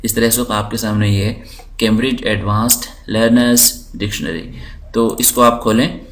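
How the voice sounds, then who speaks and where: A man teaching English, explaining slowly and patiently while walking through dictionary and translation tools on his screen, often repeating words for learners. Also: fairly low pitch, fairly even intonation. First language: Urdu. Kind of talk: screen-recorded lesson.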